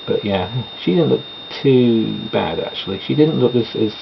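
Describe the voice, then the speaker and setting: Expressive and medium-pitched with vocal fry, this man talks at a normal speed while doing his makeup at home. His chat is casual and meandering, dotted with self-deprecating asides, on a dull lo-fi home recording with noise.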